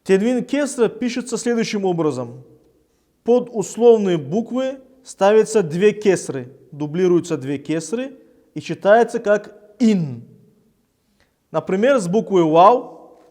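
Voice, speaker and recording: A man teaching Arabic reading who speaks slowly and deliberately and says each word twice. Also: high-pitched, lively intonation, darkish tone, long reverb tail. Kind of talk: recorded reading lesson.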